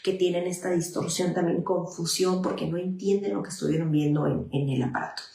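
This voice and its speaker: A woman's voice: lowish voice, steady tone, a little fast, vocal fry, warm tone. A woman psychologist giving parenting advice on a livestream and answering viewer messages, with frequent fillers and restarts. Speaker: child psychologist and parenting advisor. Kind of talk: live parenting advice talk. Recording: echoey room.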